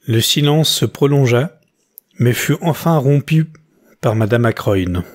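A man's voice: mid-range voice, expressive, a little slow. Man reading a novel aloud. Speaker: audiobook reader.

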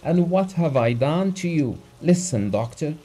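A man's voice: fairly high pitch, animated, measured pace, dark tone, a little hiss or hum, pitched above the performer's own voice. A man voicing a distraught, tearful nobleman pouring out his heartbreak in an audiobook reading. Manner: raised, pleading, emotional.

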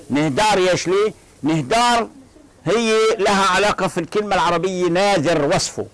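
A man with a fairly high voice leads a classroom language lesson. He drills short phrases slowly and has his students repeat them. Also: a bit bright, rough recording. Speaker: language teacher. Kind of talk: classroom lecture.

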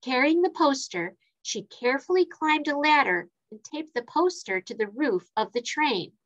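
Expressive woman reading a children's story. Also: sits high, normal speed, lo-fi sound. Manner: expressive, sound effects.

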